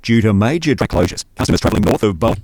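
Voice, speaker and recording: A man's voice: on the low side, expressive, racing, a little mellow, no room sound. A man reading formal train station announcements, played back as recorded clips and cut into pieces. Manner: formal, evenly paced public address reading, cut into pieces. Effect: pre-recorded announcement clips played back.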